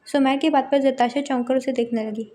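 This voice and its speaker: A woman narrating a romance novel aloud in a steady storytelling manner. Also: high-pitched, fairly quick. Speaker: audiobook narrator.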